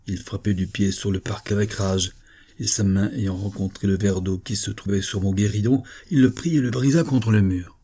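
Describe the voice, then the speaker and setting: A man narrating a classic novel as an audiobook in a measured, steady storytelling manner. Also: on the low side. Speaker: audiobook reader.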